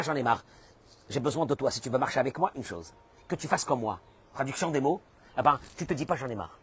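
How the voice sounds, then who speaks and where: A man, a rabbi, giving a sermon, swinging between hushed asides and loud outbursts. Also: mid-range voice, breathy edge.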